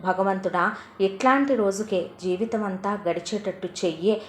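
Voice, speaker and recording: A woman's voice: medium pitch, normal speed, roomy sound, slight background noise, close to an everyday voice. Woman voicing a hopeful, earnest young woman. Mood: wistful. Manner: soft earnest monologue.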